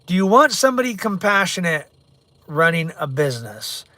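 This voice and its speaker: A middle-aged man talks bluntly from inside his car, his voice bright and forceful, pitched a little high for a man. He rambles casually through viewer comments as a livestream host, with the hum of the vehicle behind him. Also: big pitch swings, normal speed, dry recording. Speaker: real estate agent. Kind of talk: casual livestream chat while driving.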